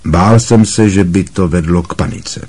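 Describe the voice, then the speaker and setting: A man voicing a kind, wry middle-aged male wizard teacher who speaks calmly and with gentle amusement. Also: sits low.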